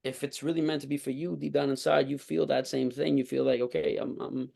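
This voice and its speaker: Gravelly-edged man in an interview. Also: on the high side, flat delivery, quick pace, a little mellow. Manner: earnest, appreciative. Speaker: actor being interviewed. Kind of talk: casual interview chat.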